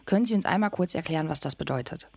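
A woman's voice: low voice, animated, rapid-fire, darkish tone, dry recording. A woman hosting an interview podcast, asking questions and introducing guests. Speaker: podcast host.

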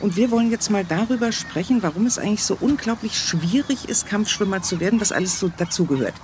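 A woman's voice: mid-range voice, animated, quick pace, noisy background. A woman hosting a podcast, asking questions in a conversational interview style. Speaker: podcast host, military editorial reporter.

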